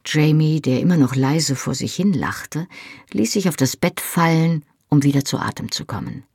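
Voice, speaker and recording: Measured first-person audiobook narration, husky voice with some gravel. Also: medium pitch, animated, darkish tone, dry recording, clean studio sound. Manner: measured, storytelling. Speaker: audiobook reader.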